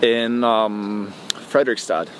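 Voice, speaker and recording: A man's voice: fairly low pitch, steady tone, slow pace. A man from Norway answering interview questions in a plain, matter-of-fact way with some hesitation. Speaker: music producer guest. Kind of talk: casual interview. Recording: noisy background.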